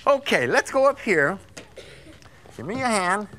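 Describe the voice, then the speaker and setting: A man's voice: high voice, very animated, unhurried, pushed and bright, heavily acted. A man playing a big, silly, happy-go-lucky wolf on a children's stage, talking playfully to the kids. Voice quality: playful, jumps into animal sounds. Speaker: live stage performer. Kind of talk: live children's theater. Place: stage before a child audience.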